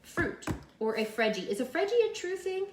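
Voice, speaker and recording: A woman's voice: extremely high pitch, big pitch swings, normal speed. A woman co-hosting a home cooking demo, chatting casually as she talks through each step. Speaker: cooking show co-host. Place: home kitchen. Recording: echoey kitchen with loud noise. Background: blender and kitchen clatter.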